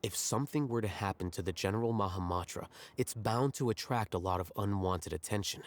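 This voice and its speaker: An actor playing a composed, analytical scholar in a video game, explaining things in a measured way. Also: male voice, on the low side, lightly acted. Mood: calm, analytical.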